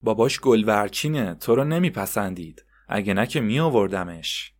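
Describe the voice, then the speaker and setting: A man voicing a sharp-tongued woman who answers back in a slow, mocking, cutting way. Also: on the low side, lively intonation.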